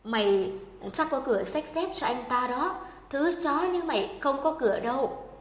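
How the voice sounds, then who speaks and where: Heroine: woman doing a defiant young girl, stammering, bright, long reverb. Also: high voice, animated, moderate pace. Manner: stammering, crying out. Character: frightened but defiant schoolgirl heroine. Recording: echoey room with long reverb.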